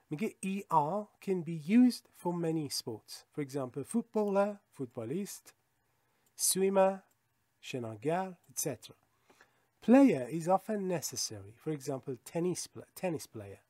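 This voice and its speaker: A man with a fairly high voice teaches vocabulary, chatting through his explanations and then slowing right down to read example sentences clearly. The sound is dry and close, with no room echo. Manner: explains in Persian, reads English examples slowly and clearly. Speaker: English teacher. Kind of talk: vocabulary lesson in Persian.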